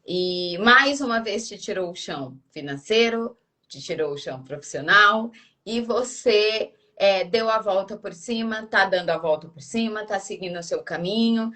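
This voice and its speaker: A woman with a Brazilian accent hosting a live interview, asking her guest gentle, hesitant questions with many fillers. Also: mid-range voice, lively intonation, moderate pace. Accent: Brazilian Portuguese. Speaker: host.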